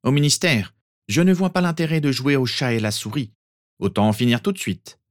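A man's voice: medium pitch, a little fast, dry recording, clean studio sound, voice pushed up, lightly acted. A man voicing a cold, stern male professor who speaks in a stiff, curt manner.

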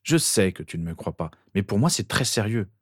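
A man's voice: lowish voice, very animated, a little fast, husky, no echo, studio quality. A man reading the part of an earnest, desperate young wizard boy. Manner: pleading, insistent.

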